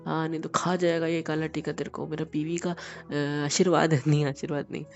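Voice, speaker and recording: A man's voice: fairly high pitch, level tone, brisk, gravelly, a little mellow, muffled recording, faint music behind. A man playing an affectionate young husband who soothes and teases his wife in an intimate romantic audio drama. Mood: tender. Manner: tender, teasing and coaxing.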